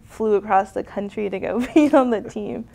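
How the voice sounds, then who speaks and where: A young woman, a college athlete, answering interview questions in a friendly, relaxed way. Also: mid-range voice, moderate pace, gravelly. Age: young adult. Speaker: guest athlete.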